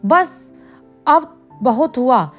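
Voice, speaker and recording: A young village woman in a storybook, emotional and pleading, with a quick temper, as a woman narrator voices her. Her voice is high, with gentle music behind. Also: animated, exaggerated voice.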